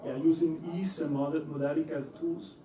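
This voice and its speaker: With little pitch movement, a mellow voice on the high side, and a moderate pace, a young engineer speaks to an audience in a lecture hall. He hesitates, restarts, uses many fillers, and laughs easily. The room is echoey and he sounds far from the mic.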